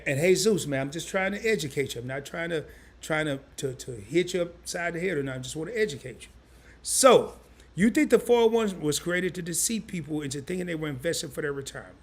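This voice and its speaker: A man hosting a casual live stream, animated and chatty, reading viewer comments aloud in loose slang. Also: a little high, fairly quick. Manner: animated, chatty, repeats himself.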